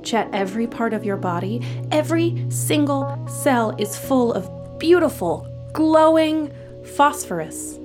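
Casting: actress as a saccharine, callous hotline operator, fairly high voice, music beneath. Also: female voice, expressive. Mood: coaxing. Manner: soothing then brisk customer-service cheer. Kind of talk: audio drama acting.

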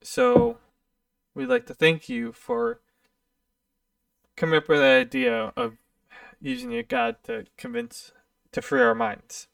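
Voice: medium pitch, sing-song, vocal fry, a bit bright, dry recording, studio quality, recorded from a distance, pitched above the performer's own voice, full character voice. A game master voicing a group of nervous freed cultists who stammer and hesitate. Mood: timid, grateful. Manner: hesitant, halting with ums.

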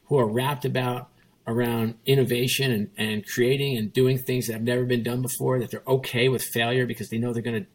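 In a creaky, mid-range voice, a male former chief executive tells a story during a casual interview where he's the guest. His delivery is forceful and repetitive, sprinkled with quotes from himself and other people.

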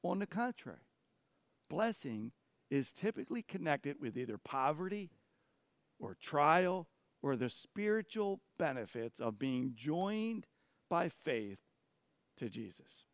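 A man preaching as pastor, reading scripture in a measured way and stressing key words. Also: fairly high pitch, big pitch swings, dry recording. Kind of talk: sermon and interview.

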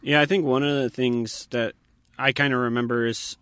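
A man casually telling personal stories in a conversation, relaxed and anecdotal, his voice dropping quietly at the ends of sentences. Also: mid-range voice, moderate pace, smooth, dry recording.

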